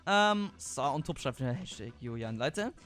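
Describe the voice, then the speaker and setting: A man's voice: medium pitch, expressive, measured pace, a bit bright. A young man hosting a casual game video, rambling and talking to himself with many fillers. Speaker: gaming video host. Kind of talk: casual let's play commentary.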